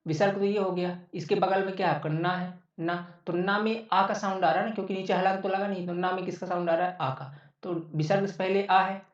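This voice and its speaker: A man's voice: high-pitched, steady tone, a little fast, few pauses. A male teacher giving an online exam-prep lecture, repeating each point and answering his own questions. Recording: roomy, distant, dull lo-fi sound.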